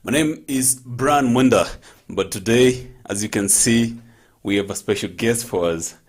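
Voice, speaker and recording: A man hosting a farming talk show, introducing guests and plugging social media smoothly. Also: mid-range voice, unhurried. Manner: smooth, promotional, many affirming interjections. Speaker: host.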